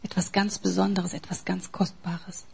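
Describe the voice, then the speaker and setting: A woman preaching a sermon in an emphatic way, swinging between soft, near-whispered passages and forceful, raised lines. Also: fairly low pitch, level tone, moderate pace, gravelly, husky.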